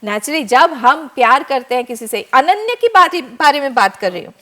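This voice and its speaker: High-voiced woman telling a devotional tale. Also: normal speed. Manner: animated storyteller, acts out characters. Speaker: spiritual teacher, guest expert. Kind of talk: devotional storytelling discourse.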